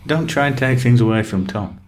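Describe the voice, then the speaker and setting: A man co-hosting a podcast in casual chat, with deadpan, playfully obtuse jokes. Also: medium pitch, brisk. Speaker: podcast co-host.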